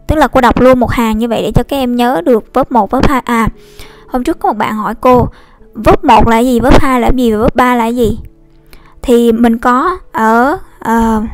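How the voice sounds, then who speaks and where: A woman teaching an online lesson, explaining slowly and patiently with many fillers. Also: a little high, no room sound. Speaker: English teacher. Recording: dry close recording with faint music.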